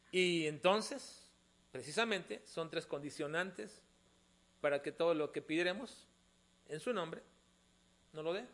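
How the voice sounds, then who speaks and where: A man preaching a sermon, calling his listeners brothers and moving between quiet explanation and emphatic appeals. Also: a little high. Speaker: pastor.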